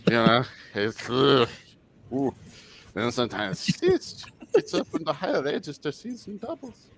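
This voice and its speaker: A man talking as a game master on a casual podcast, animated and restarting often. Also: medium pitch, a little slow, gravelly, slight background noise.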